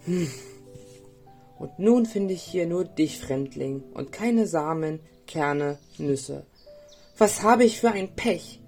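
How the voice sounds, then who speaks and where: A woman's voice: low-pitched, expressive, takes it slowly, dark tone, soft background music, heavily acted. A woman voicing a small, hungry male sparrow who is timid and puzzled. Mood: woeful. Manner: stammering, earnest.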